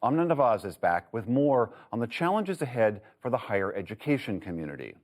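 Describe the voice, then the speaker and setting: A man's voice: medium pitch, big pitch swings, fairly quick, darkish tone. A man reading a scripted news introduction as anchor.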